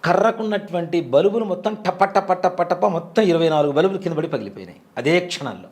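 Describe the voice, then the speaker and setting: A man in his forties speaks quickly, with a voice pitched a little above the usual. He tells a story in a conversational way and acts out the people he quotes. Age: 40s. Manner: vivid, animated retelling that acts out quoted voices. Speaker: interview guest recounting a temple experience.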